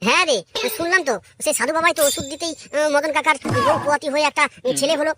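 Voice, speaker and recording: A woman's voice: sits high, rapid-fire, noisy background, lightly acted. A woman voicing a chatty older village man who likes to drink, in a cartoon. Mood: curious. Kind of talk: cartoon voice acting.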